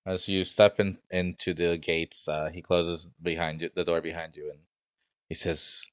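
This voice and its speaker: A man's voice: low-pitched, level tone, moderate pace, a bit bright, smooth, no room sound, studio quality. A man narrating as game master of a tabletop game, casual and hesitant with many fillers.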